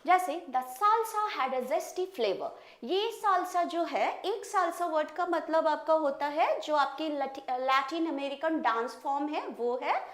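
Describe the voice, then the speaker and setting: A woman from India with an Indian English accent, teaching vocabulary in a bilingual lesson and repeating words slowly to model their pronunciation. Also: high voice, lively intonation, a bit bright. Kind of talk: bilingual classroom lesson, explaining word meanings. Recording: echoey room.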